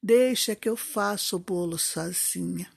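Storybook hen, patient and soft-spoken, slow and airy; a woman acts it out. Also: lowish voice, creaky, breathy edge, no echo, studio quality, heavily acted. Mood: resigned. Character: gentle, patient hen who works alone.

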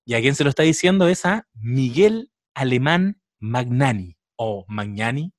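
A man's voice: a little high, sing-song, moderate pace, no echo, studio quality. A man with a Chilean accent, co-hosting a podcast and chatting casually as he reviews a TV series, thinking aloud with fillers. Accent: Chilean Spanish. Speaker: podcast co-host.

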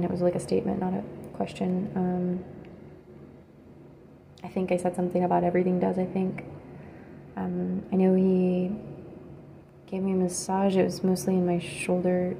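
A woman quietly telling a personal story in a hesitant, halting way, pausing often. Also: on the low side, creaky, a little hiss or hum. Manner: hesitant and halting, with many pauses and fillers; quiet, subdued recounting. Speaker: video creator.

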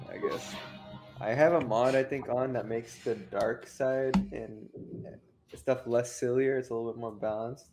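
A man's voice: mid-range voice, steady tone, unhurried. A man giving casual, joking commentary with reactive asides while playing a video game. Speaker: gaming show host playing a role-playing game. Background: video game music.

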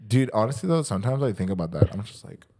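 Lowish-voiced man, rambling casual chat. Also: sing-song, quick pace, dark tone, breathy edge. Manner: rambling, swears casually, says "dude" a lot. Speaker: podcast co-host; fitness coach.

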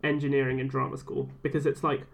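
A man's voice: medium pitch, flat delivery, quick pace, vocal fry. A young man, a first-year university student, co-hosting a podcast in a laid-back, hesitant chat. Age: young adult. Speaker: podcast co-host. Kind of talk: casual chat.

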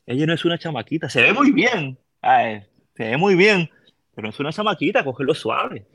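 A man's voice: fairly high pitch, a little fast, slightly rough, no room sound. Middle-aged puerto rican guy telling a story on a podcast, loose and chatty, does the voices of people in it, dry close sound. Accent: Puerto Rican Spanish. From Puerto Rico. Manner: animated, acts out voices in his story. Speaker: podcast guest. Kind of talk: casual storytelling.

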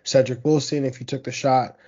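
A man hosts a fantasy football show, working through the week's receiver stats in a casual, rambling monologue. He keeps doubling back with fillers and restarts. His voice sits at an ordinary middle pitch, and the recording sounds a little dull and lo-fi. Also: steady tone, brisk, a little mellow, breathy edge. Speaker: fantasy football podcast host. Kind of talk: casual sports analysis monologue.

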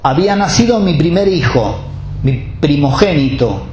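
A man's voice: fairly high pitch, big pitch swings, normal speed, a little mellow, echoey room, a little hiss or hum. A man with a Rioplatense Spanish accent, preaching a sermon as pastor, talking conversationally and putting direct questions to his congregation.

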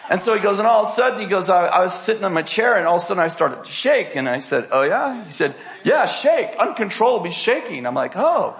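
A man's voice: high voice, expressive, racing, few pauses, a bit bright. An older man preaching, telling a story with laughter and acted-out quotes. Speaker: pastor. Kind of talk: sermon storytelling.

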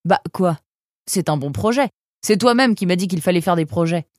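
A woman's voice: on the low side, normal speed, no echo, close to an everyday voice. Woman doing a young male storybook creature, eager, scheming, stammering, dry close sound. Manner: stammering with many "euh", excitable.

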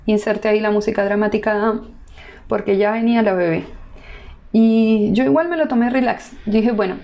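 A woman, relaxed and chatty, telling her own birth story to the camera. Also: mid-range voice, normal speed, lo-fi sound. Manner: lively, relaxed, chatty with laughter.

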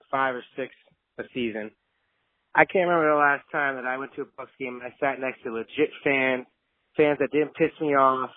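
A man leaving an excited, casual voicemail for a podcast host, full of slang and swearing. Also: mid-range voice, no room sound. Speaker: caller. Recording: dry tinny phone line.

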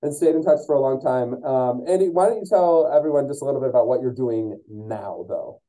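Casting: American male podcast host, mid-pitched, friendly and chatty, heard as though speaking through a tunnel. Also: brisk, mellow, low-quality recording. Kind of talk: casual conversational podcast hosting. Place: remote video call. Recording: hollow tunnel-like sound on video call.

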